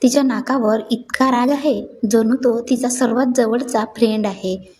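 Brief: a woman reading as playful teasing young man, a bit high, mellow tone. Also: steady tone, normal speed, close to an everyday voice. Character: cheeky talkative young man, office newcomer.

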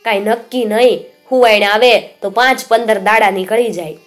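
Woman narrator voicing a kindly elderly village mother, soft and homely. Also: medium pitch, fairly even intonation, moderate pace, soft background music, lightly acted. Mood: gentle.

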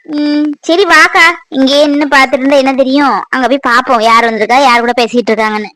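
A woman's voice: high-pitched, fairly even intonation, fast, fairly bright tone, pitched below the performer's own voice, rough recording. A woman doing a gossiping female relative. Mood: curious. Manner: gossipy, musing aside. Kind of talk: cartoon voice acting.

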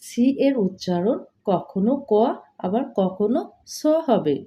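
Calling her audience "dear learners," a woman gives a slow, step-by-step English pronunciation lesson, repeating each rule twice and spelling words out letter by letter. Her mid-range voice is dark in tone, with lively intonation and an unhurried pace.

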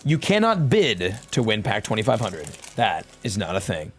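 A young man chatting casually to livestream viewers in slangy, bro-heavy talk, swinging from low asides to loud, excited hype calls. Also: normal speed, slightly rough, faint music behind. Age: young adult. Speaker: live streamer opening card packs. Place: indoor streaming room at home.

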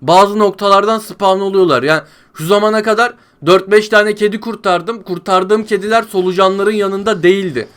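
A man commenting on his own gameplay as a let's-play host, talking to his viewers like friends, grumbling in frustration and shouting when things go wrong. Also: sits high, clean tone. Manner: exasperated, talks to viewers as friends, yells when panicking. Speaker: gaming YouTuber.

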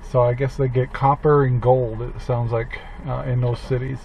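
A man's voice: mid-range voice, normal speed, gravelly. Middle-aged male RV vlogger, laid-back and rambling, slightly muffled audio with a faint hum. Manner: relaxed, rambling, with many fillers. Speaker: RV travel vlogger. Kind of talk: casual travel vlog chat. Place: in a pickup truck, then outdoors beside an RV.

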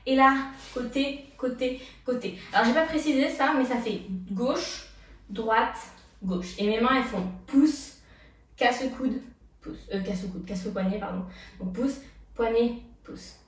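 A woman's voice: on the high side, measured pace. French woman counting dance steps, echoey. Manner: counts beats and vocalizes moves with sound effects. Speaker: dance teacher. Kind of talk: dance tutorial instruction. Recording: echoey room, voice from far off.

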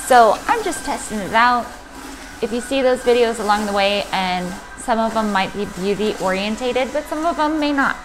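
A woman's voice: a little high, moderate pace, music in the background, rough recording. A young adult woman, a beauty vlogger, chatting casually and offhand to camera while wearing a sheet mask. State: talking through a sheet mask. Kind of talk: casual product review to camera.

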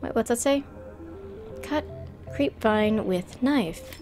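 A woman's voice: a little high, takes it slowly, a little mellow, soft background music. A woman casually commentating her gameplay, chatty and playful, talking to herself and to the game. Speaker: gameplay streamer. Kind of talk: casual let's-play commentary.

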